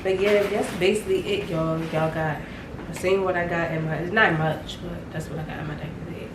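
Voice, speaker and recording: A young woman vlogging casually to her viewers, relaxed and chatty and short of breath. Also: fairly low pitch, a little fast. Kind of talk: casual chat to camera. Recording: echoey room, voice a bit far from mic, clear background noise.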